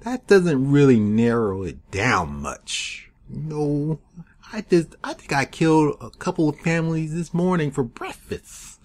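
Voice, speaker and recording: A man's voice: a little high, very animated, unhurried, darkish tone, voice pushed up. A man voicing a boastful male villain leader who mocks his victim and brags offhandedly about killing families. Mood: taunting. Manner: taunting, mocking, offhand about murder.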